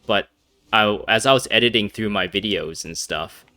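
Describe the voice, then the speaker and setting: A gaming commentator delivers casual gameplay commentary in a voice on the low side, at normal speed, pushed and bright, with no room sound. He rambles and hesitates, filling with ums, restarting often, and laughing frequently.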